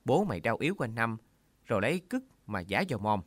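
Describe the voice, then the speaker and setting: A male storyteller voicing a domineering middle-aged aunt who scolds harshly and wails loudly. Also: big pitch swings, quick pace, no room sound. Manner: shrill, scolding, wailing.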